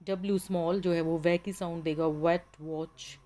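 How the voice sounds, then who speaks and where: Woman teacher, lowish voice, patient and slow, drills example words one by one. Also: little pitch movement, warm tone. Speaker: English teacher. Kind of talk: classroom lesson on phonetics.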